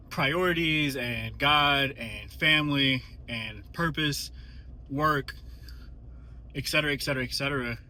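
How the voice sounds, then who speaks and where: A vlogger with a sharp-toned, mid-range voice talks casually to his phone camera while driving, slightly out of breath after the gym. Inside the car he sounds thoughtful and hesitant, using lots of fillers.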